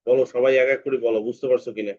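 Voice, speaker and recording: A man's voice: medium pitch, fairly even intonation, rapid-fire, darkish tone, lo-fi sound. A man teaching English to a class, patiently repeating points and calling on students by name.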